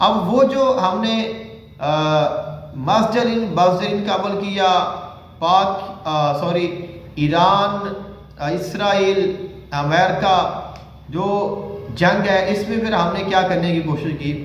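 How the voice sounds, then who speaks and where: High-voiced Pakistani cleric in an echoey room. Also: male voice, dull audio. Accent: Pakistani Punjabi. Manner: slow, deliberate reciting of long sacred names. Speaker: Islamic spiritual healer and cleric. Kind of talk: religious instruction talk.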